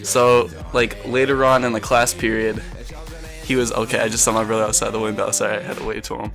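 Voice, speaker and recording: A man's voice: fairly low pitch, monotone, brisk, vocal fry, over music. A teenage male telling a casual, rambling story as video commentary, with slang and mild swearing. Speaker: gameplay commentary video creator.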